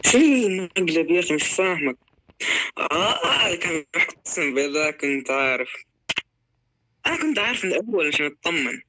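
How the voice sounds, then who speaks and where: A young man with a Levantine Arabic accent chatting casually and telling a story in an animated way, quoting dialogue as he goes. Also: on the high side, fairly quick, a little hiss or hum, rough recording. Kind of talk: casual chat on a prank call.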